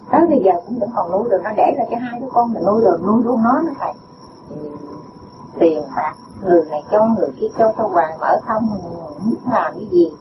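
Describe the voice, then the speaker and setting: A woman, a disciple plaintively telling her teacher about her family troubles. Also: medium pitch. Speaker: disciple asking a question. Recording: distant, muffled, noisy recording.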